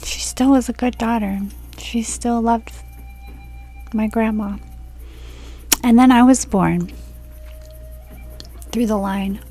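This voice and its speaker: A woman in her forties from Florida telling a personal story from home in a slow, rambling monologue that drifts onto tangents. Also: fairly high pitch, steady tone, warm tone, faint music behind. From Florida, USA. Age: 40s. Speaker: spiritual video creator. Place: at home, indoors.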